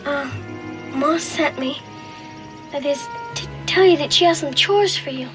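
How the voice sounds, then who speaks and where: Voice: high voice, unhurried, over music. A child actor playing an earnest, polite young frontier boy in a western drama. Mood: earnest, hopeful. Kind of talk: period western screen acting.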